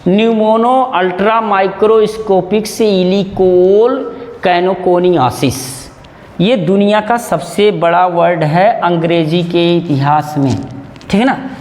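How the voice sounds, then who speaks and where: A man's voice: sits high, darkish tone. A man teaching basic English grammar in a casual lesson, repeating words and drawing out their sounds, a little nervous. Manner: slow, repeats and spells out sounds. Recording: echoey room with long reverb.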